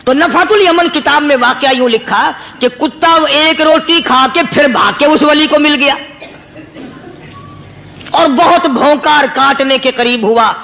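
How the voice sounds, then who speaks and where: High, bright-voiced male preacher. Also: gravelly. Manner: storytelling, emphatic repetition, chanted Arabic verses. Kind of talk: sermon.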